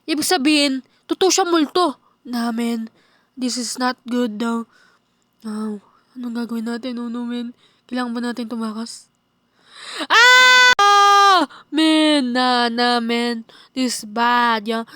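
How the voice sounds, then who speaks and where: A young woman vlogger narrating a horror game role-play, excitable, with sudden screams and quiet asides. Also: on the high side, unhurried, dry recording.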